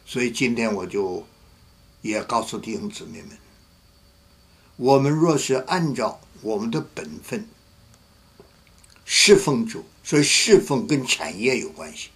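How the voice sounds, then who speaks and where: A male pastor preaches in a gravelly, creaky voice at an everyday middle pitch. He tells his story vividly and slips into the voices of the people he quotes. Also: sing-song, measured pace, long pauses. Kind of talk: sermon with storytelling.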